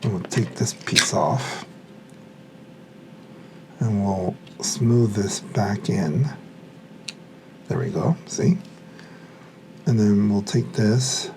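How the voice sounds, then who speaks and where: A hobbyist reviewer gives casual, hands-on unboxing commentary, muttering to himself as he works with his hands. His lowish, creaky voice is warm and expressive, with drawn-out words and frequent pauses, plus a little hiss or hum in the recording.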